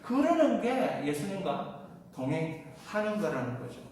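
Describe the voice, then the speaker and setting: A woman pastor preaching a sermon with lively call-and-response to her congregation. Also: mid-range voice, unhurried, slight background noise. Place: large church sanctuary. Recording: echoey hall from far off.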